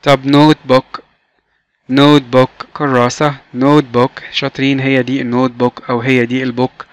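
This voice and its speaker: A man with an Egyptian Arabic accent teaching English to young children, repeating each word slowly three times. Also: medium pitch, level tone, clean tone. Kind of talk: slow classroom lesson.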